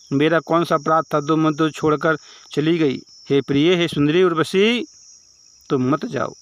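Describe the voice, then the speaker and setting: A man's voice: fairly high pitch, fairly bright tone. A man voicing a lovesick ancient king who pleads with his beloved, repeating endearments.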